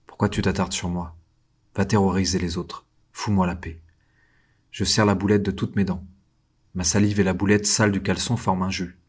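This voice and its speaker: A man giving a scripted first-person audio drama narration, hushed and tense, in short clipped sentences. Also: low voice, breathy edge.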